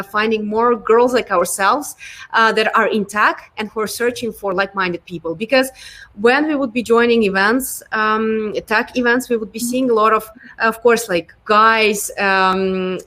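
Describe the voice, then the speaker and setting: Her voice is on the high side and sharp, with a steady tone and a measured pace. She is a woman in her thirties from Ukraine, a product design lead and interview guest with a Ukrainian accent. Casual and hesitant, she fills her answers with ums and frequent restarts.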